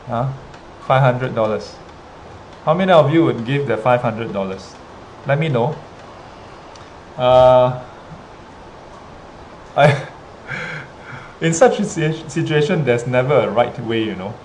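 Casually telling a story to viewers, a man with an animated mid-range voice and a Singaporean accent hosts a livestream as a teacher addressing students. His speech is halting, with many pauses and repetitions. The background is clearly noisy, with rain and ambient sound.

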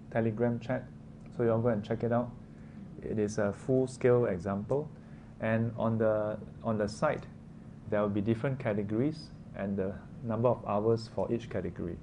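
A man's voice: medium pitch, dark tone. A man with a Singaporean or Malaysian accent teaching a class informally, conversational and often tossing out short questions with local particles. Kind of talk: informal interactive lesson. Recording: clearly noisy room ambience.

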